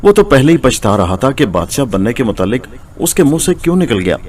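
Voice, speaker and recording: A man's voice: mid-range voice, very animated, fairly quick, darkish tone. Man narrating a moral folk tale. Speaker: storyteller. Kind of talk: scripted story narration.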